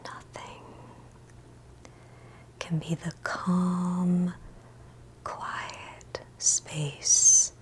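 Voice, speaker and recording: Here a woman gently whispers through a scripted guided meditation for ASMR, her breathy phrases short and separated by long silences. She keeps a level tone in a lowish register.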